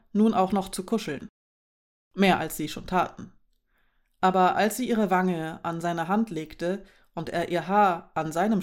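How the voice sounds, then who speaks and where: A woman reading a German novel aloud in calm, steady scripted narration. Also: fairly low pitch. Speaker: audiobook narrator.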